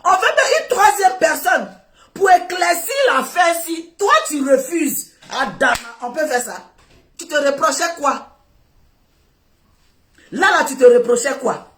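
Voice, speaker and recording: A woman ranting at a man in heated commentary, scolding him over and over and breaking into shouts. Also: high voice, animated, unhurried, long pauses, echoey room, slight background noise. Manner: scolding, repetitive, bursts of shouting. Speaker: online commentator.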